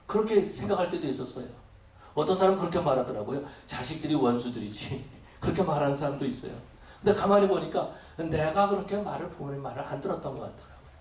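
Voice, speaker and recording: High-voiced preaching man, echoey sanctuary. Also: a little mellow. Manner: emphatic preaching with frequent rhetorical questions. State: has a cold. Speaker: pastor. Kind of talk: sermon. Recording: echoey, from a distance.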